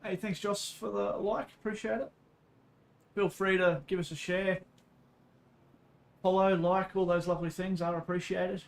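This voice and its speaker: Laid-back Australian bloke with creaky voice. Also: male voice, sits high, flat delivery, moderate pace, pauses often. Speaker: livestreamer racing in an online endurance sim race. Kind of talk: casual livestream commentary to chat. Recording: some background noise.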